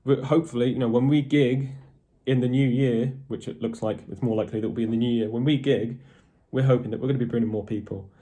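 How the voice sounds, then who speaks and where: A man talks to his band's fans in a casual video update. His tone is mellow and warm, neither high nor low. He rambles along, with plenty of ums and false starts. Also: fairly even intonation, fast talker, hardly any pauses. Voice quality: posh-sounding voice. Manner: rambling, with many ums and restarts. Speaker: metal band member.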